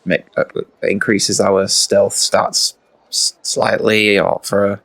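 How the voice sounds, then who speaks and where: A man's voice: on the low side, level tone, takes it slowly, vocal fry, fairly bright tone. A man chatting casually as a player in a tabletop game. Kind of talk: casual chat.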